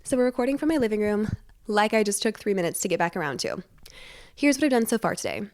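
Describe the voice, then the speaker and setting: Woman podcast host, mid-pitched, congested nose, bubbly and rambling, chatty delivery with self-deprecating humor. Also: animated, fast talker, darkish tone. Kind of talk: casual chatty solo podcast. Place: living room at home. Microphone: wired podcast microphone.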